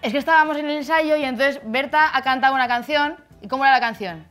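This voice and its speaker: A woman with a Spanish accent, a pharmacist guest, joking around and breaking into slow improvised songs. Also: high-pitched, a bit bright. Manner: jokey, teasing, sings slowly in a mock tune. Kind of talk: playful chat with improvised singing.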